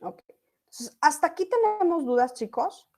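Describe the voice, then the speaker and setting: A female teacher gives an online lesson in a slightly high voice. She explains patiently and keeps checking in with her students. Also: expressive, moderate pace, vocal fry, darkish tone. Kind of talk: online class lecture.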